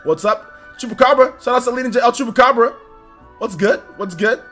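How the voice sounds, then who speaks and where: On a casual livestream, a man with a high voice reads out viewer names, greeting each in quick, upbeat shout-outs and laughing often. He's recovering from an illness, so his nose sounds slightly stuffy, and faint music runs underneath.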